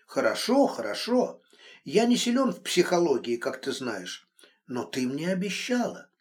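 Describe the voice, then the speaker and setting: A man's voice: on the high side, very animated, measured pace, pitched above the performer's own voice. A man voicing a stern, worried man who scolds and comforts a friend brusquely. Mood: exasperated. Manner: brusque, exasperated.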